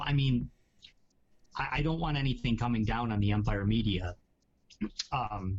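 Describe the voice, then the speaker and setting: A man's voice: medium pitch, muffled recording. A man hosting a casual podcast chat, talking in rambling, hedging sentences full of asides. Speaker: podcast host.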